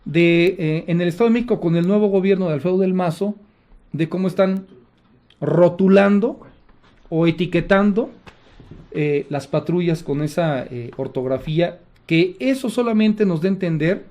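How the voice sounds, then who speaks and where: A man's voice: high voice, normal speed, mellow. A middle-aged Mexican man with a Mexican accent hosting a political commentary show, speaking in a sarcastic, indignant way. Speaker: host.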